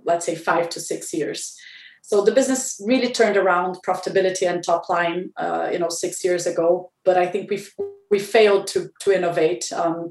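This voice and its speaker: A low-voiced Brazilian woman, a company president appearing as a podcast guest, speaks in a business interview in a steady, reflective way. She is measured, thinking aloud with restarts and fillers, and sounds a little distant in a roomy space.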